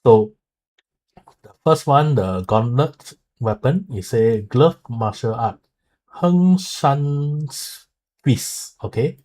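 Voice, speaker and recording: A man giving casual live game commentary in a halting, explanatory way, often checking himself with okay and so. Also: mid-range voice, expressive, darkish tone, husky, low-quality recording. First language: not Mandarin; speaks it haltingly. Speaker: streamer and video creator explaining a game.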